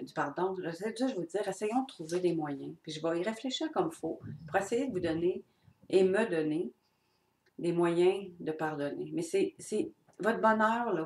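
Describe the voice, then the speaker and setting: A middle-aged woman with a Québécois accent giving an unscripted, blunt and earnest talk on personal growth to her viewers. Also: lowish voice. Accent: Québécois French. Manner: blunt and earnest, with swearing and mimicked voices. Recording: echoey room.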